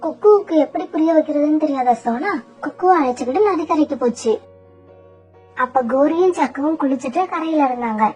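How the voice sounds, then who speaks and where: A woman narrating a cartoon storybook in a gentle, patient manner, also voicing a mother bird. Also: high-pitched, fairly quick. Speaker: narrator and mother sparrow Sona. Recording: dull lo-fi sound with faint music.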